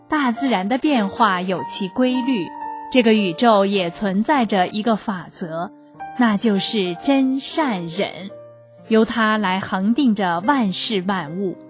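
A woman reading a scripted radio narration in a measured, even way. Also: mid-range voice.

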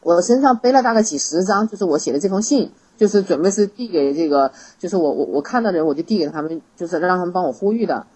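A woman telling her own story, urgent and repetitive, often re-enacting what she shouted. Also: fairly low pitch, expressive, fast, few pauses, breathy edge, poor audio. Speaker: interviewee. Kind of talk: emotional first-person testimony.

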